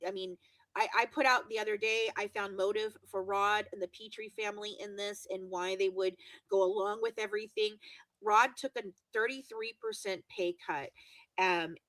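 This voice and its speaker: A woman guest in a video-call interview, speaking emphatically, repeating words for stress and correcting herself quickly. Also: medium pitch, a bit bright, no room sound, rough recording. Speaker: guest true-crime commentator.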